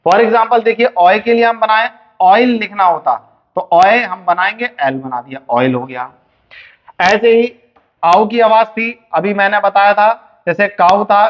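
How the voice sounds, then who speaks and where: A man teaching shorthand in a classroom lesson, explaining step by step and asking and answering his own questions. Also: high voice. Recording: dull, muffled lo-fi recording.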